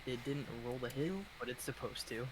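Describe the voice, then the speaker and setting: Quiet guy at a game table, short answers, noisy mic. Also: mid-range voice, flat delivery, normal speed. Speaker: player. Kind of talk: casual tabletop game chat. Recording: noisy recording.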